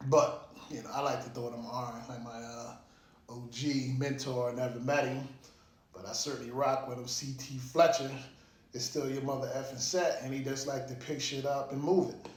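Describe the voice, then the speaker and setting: Man, mid-pitched voice, informal fitness vlogger, casual motivational talk, occasional swearing, echoey room sound. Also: little pitch movement, normal speed. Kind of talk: casual motivational monologue to camera.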